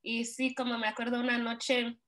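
A woman's voice: a little high, normal speed. Young woman with a Mexican Spanish accent. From California, United States. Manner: relaxed storytelling with frequent fillers and laughs. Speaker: interviewee. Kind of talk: casual interview.

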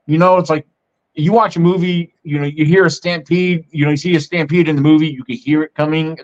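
A man with a fairly high voice talks in a loose, meandering way, as if chatting with a guest on his own show. The recording sounds muffled and lo-fi. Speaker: podcast host. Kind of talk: casual storytelling. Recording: muffled lo-fi audio.

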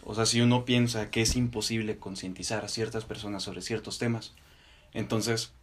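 Low-voiced young Mexican man, deliberate debater. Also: little pitch movement, slight background noise. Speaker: podcast co-host. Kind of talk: casual debate.

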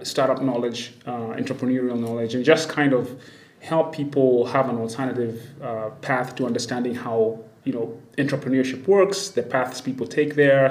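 A man hosting a podcast interview, upbeat and quick to laugh, with many fillers. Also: medium pitch, a little mellow. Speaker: podcast host. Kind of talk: casual interview. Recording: echoey room.

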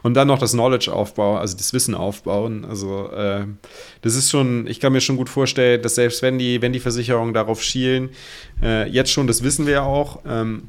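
A man co-hosting a podcast, talking in a casual, animated and sarcastic way, often chuckling. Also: mid-range voice, brisk. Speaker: podcast co-host. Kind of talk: casual chat.

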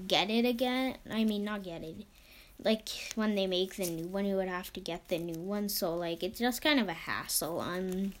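A podcast host giving casual, unscripted fan commentary in a hesitant, halting way, often trailing off mid-thought. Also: mid-range voice.

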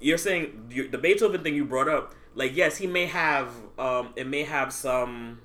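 A man co-hosting a podcast in casual chat, explaining with emphatic, drawn-out phrasing. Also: medium pitch, sharp tone. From Haitian American, born in the US. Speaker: podcast co-host.

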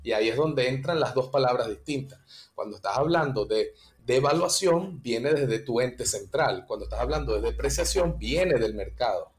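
A man explains finance in an interview, walking through each idea step by step. His voice sits in an ordinary middle pitch, and he builds his points patiently with examples. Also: lively intonation, normal speed. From Venezuela. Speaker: guest economist.

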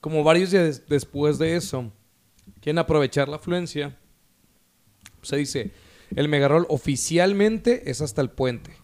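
Hoarse northern Mexican man, slightly high-pitched. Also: measured pace, pauses often, a little mellow. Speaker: podcast co-host. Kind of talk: casual chat with heavy slang.

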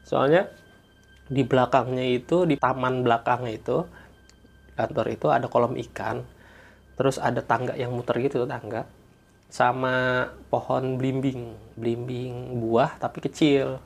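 Animated man telling ghost stories. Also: mid-range voice, unhurried, creaky, pauses often. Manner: animated, acts out sounds with small noises. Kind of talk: casual storytelling chat.

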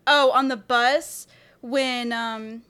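Bright, high-voiced woman co-host. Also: fairly even intonation, extremely slow, smooth. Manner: enthusiastic, quotes favorite lines and laughs often. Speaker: podcast co-host. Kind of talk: casual chat.

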